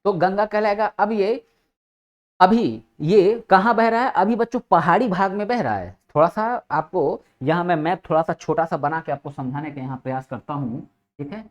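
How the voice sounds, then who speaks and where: A man's voice: high-pitched, normal speed. A male teacher giving an exam-prep geography lesson, addressing his students as children, asking questions and answering them himself, and repeating key words over and over. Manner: repeats key words with frequent "ठीक है" checks. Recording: dull lo-fi audio.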